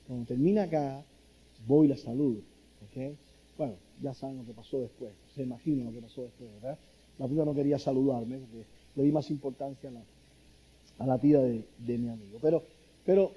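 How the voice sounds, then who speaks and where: Preaching with a medium-pitched, slightly breathy voice, a middle-aged pastor from Cuba tells stories in an animated sermon. Quoted lines get acted out in a raised voice.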